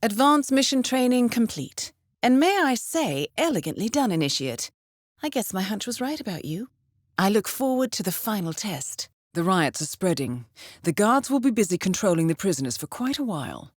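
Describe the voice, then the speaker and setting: A female voice at medium pitch portrays a coolly professional handler briefing an assassin in a video game, formal and composed with dry understatement. She comes across as dryly approving, in a dry recording.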